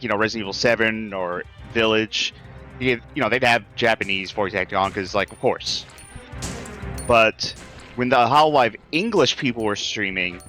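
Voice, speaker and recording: A man co-hosts a podcast and chats loosely over gameplay, rambling through his thoughts with plenty of fillers and casual swearing. His voice sits fairly low but sounds bright and forceful. Faint game music plays under the talk. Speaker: podcast co-host.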